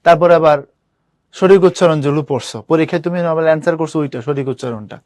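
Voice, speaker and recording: Talking very fast in a fairly high, slightly mellow voice, a young university admission tutor teaches an online class in a relaxed, chatty way. He addresses the students directly and puts questions to them, and the audio is studio quality with no room sound.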